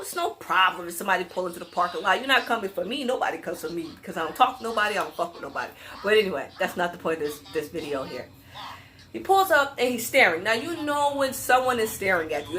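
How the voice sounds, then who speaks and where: Bright, animated woman vlogger. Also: on the high side. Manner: animated, emphatic, laughs often. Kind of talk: casual storytime.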